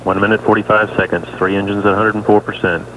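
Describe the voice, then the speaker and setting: A man giving live flight status commentary from mission control in clipped, factual callouts. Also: quick pace. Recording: noisy broadcast with steady rumble.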